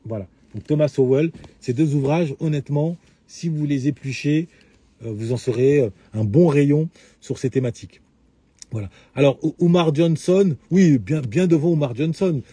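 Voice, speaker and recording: Middle-aged male host, dark husky voice, halting lecture delivery with many fillers. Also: on the high side, no echo. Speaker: host of a live talk answering questions. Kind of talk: unscripted lecture-style talk.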